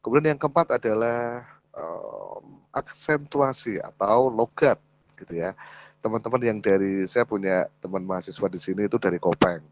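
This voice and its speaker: A man with a Javanese accent leads an online public speaking lesson, his voice sitting fairly low. He talks in a lively way and slips into Javanese asides. The call audio is dull and muffled, with a dry, close sound. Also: moderate pace, no room sound. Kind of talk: online workshop talk. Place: home or office, video call.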